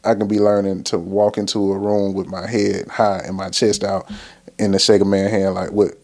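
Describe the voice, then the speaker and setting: Gravelly, laid-back father in his thirties. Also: sits low, level tone, moderate pace, a little mellow. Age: 30s. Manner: laid-back, slangy, reflective. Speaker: co-host, father. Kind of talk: casual chat.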